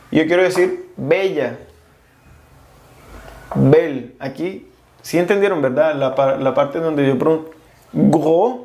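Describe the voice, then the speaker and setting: A man's voice: a little high, echoey room. A man teaching a casual video lesson, explaining grammar rules step by step and spelling out letters. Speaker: French teacher.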